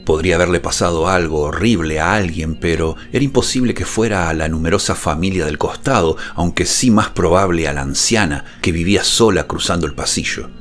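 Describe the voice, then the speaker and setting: A man narrating a scripted suspense horror story in a measured, dramatic way, speaking intimately close to the ear. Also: low voice. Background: music behind the voice.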